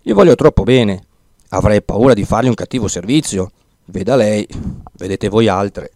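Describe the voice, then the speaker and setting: A man's voice: lowish voice, normal speed, no echo. A man voicing a fretful old village priest. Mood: cautious, evasive. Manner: fretful, rambling, excitable. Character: timid fussy old male village priest. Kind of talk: audiobook character reading.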